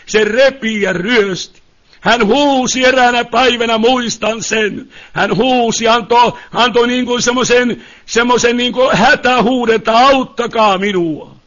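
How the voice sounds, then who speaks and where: A fervent male preacher with a high voice that climbs into pleading cries. He keeps asking the crowd "you know?" as he speaks. The recording is dull and lo-fi. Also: steady tone, a bit bright. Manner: fervent, rising to pleading cries, many asides to the listeners. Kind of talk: sermon. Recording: dull lo-fi sound.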